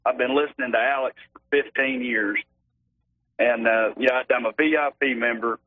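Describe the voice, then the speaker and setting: A man calls in to a talk show over a thin, tinny phone connection. His Arkansas accent is thick, and he makes his point earnestly, halting now and then in a folksy way. The voice sits at an ordinary male pitch. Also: steady tone, a little hiss or hum. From Arkansas, United States. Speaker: radio show caller. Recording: narrow tinny phone line.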